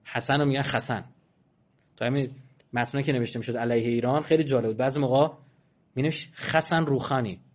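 A man giving a religious talk, slowly reciting verses and swinging from quiet asides to loud, emphatic passages. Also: mid-range voice, steady tone, dull audio. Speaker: preacher.

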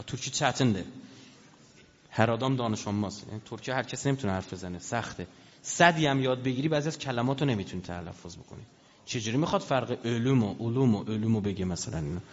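A man preaching a sermon, telling stories in a lively, emphatic way and often putting questions to his listeners. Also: a little high. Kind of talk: sermon with storytelling. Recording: dull lo-fi recording with long hall reverb.

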